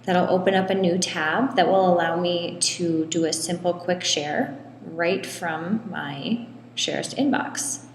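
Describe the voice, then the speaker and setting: A woman's voice: on the low side, slow. Woman in an echoey hall-like room. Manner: relaxed, explains step by step with frequent ums. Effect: echoey room with long hall-like reverb. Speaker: tutorial presenter. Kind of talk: screen walkthrough tutorial. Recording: echoey room, long reverb, faint room noise.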